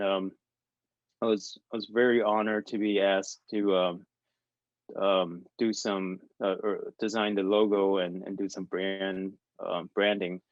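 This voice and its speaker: Man from Taiwan, lowish voice, halting with fillers, lo-fi dry recording. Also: no echo. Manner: halting, many fillers and restarts. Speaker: guest artist. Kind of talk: interview answers. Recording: dull lo-fi dry sound.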